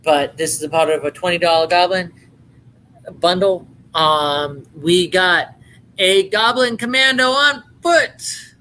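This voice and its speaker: Man, live-stream seller, playful salesman patter, high pitch, faint background noise. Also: takes it slowly, pushed and bright, poor audio. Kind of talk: home-shopping style sales pitch.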